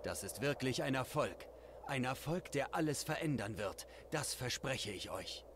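A man's voice: mid-range voice, expressive, noisy background, close to an everyday voice. Guy voicing a dignified refugee leader in a game, solemn and formal, faint ambience behind. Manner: solemn, measured speech. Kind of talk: German game dub.

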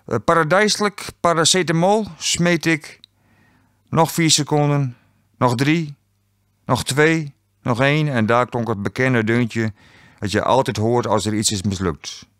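Male author narrating own novel; dry studio sound, middle pitch, wry delivery. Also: fairly even intonation, slow pace, dry recording. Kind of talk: audiobook narration. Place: recording studio.

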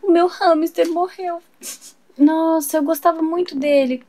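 A woman voicing a sad girl grieving her pet, soft-spoken. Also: very high-pitched, fairly even intonation, unhurried.

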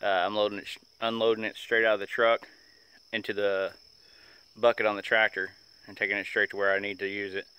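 Relaxed and rambling, this man in his thirties talks a little fast in a smooth, fairly low voice, dropping many "uh"s as he explains a how-to outdoors. He's a homesteading vlogger filming on a phone held at arm's length in a rural yard, with insects and crickets in the background.

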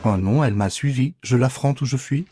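A man's voice: medium pitch, brisk, over music, lightly acted. A man voicing a cheeky, boastful pet ferret in a playful, mock-dramatic comic voice-over.

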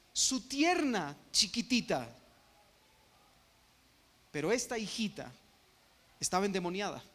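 A man delivers a sermon from the pulpit, his voice pitched high and carrying. He talks straight to his listeners, asking them question after question. His quiet asides give way to loud impassioned pleas, and the long reverb of a church hall trails behind every phrase. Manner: addresses listeners as brothers, asks rhetorical questions; shifts between soft asides and loud impassioned cries. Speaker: pastor. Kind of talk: expository sermon.

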